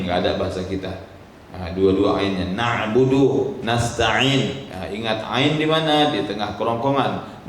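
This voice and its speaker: A man teaching Quran pronunciation, slow and patient, chanting drawn-out recitation examples. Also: medium pitch. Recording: echoey hall with faint noise.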